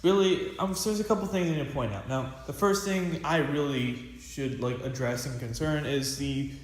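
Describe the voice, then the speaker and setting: Fairly high-pitched and speaking at normal speed, a teenage student percussionist gives an offhand snare drum practice lesson that wanders, stalls and restarts, packed with fillers. He's using a drum pad in a practice room, and the audio has strong echo and loud hiss.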